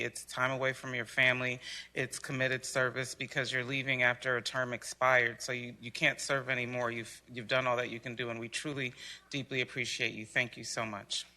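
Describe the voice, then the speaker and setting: A man's voice: mid-range voice, flat delivery, moderate pace, bright, forceful tone. A man on a city council, thanking outgoing board members earnestly, often repeating words as he speaks. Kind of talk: council meeting remarks.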